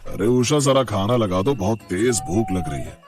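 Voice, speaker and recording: A man playing a grumbling, stingy husband and father who talks in a hushed voice. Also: fairly low pitch, expressive, moderate pace, soft background music, close to an everyday voice. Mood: weary.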